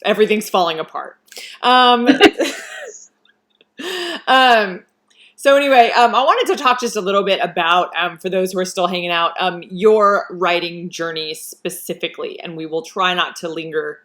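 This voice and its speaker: A woman's voice: fairly low pitch, animated, a little slow, a bit bright. An American woman hosting a casual chat with an author, talkative and storytelling, with frequent "um"s. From United States. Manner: chatty, many fillers, tells stories. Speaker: host interviewing an author.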